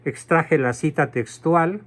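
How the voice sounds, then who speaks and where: Male catechism lecturer, measured and forceful, drawn-out pace, voice a touch high. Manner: emphatic, slow and deliberate, spells out terms. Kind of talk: doctrinal lecture.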